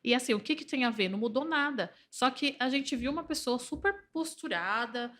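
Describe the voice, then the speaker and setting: A woman's voice: on the high side, a little fast. A woman with a Brazilian Portuguese accent, an entrepreneur and therapist, talking persuasively in a podcast conversation and telling anecdotes. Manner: animated, persuasive, tells anecdotes. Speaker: entrepreneur and organizational systemic therapist.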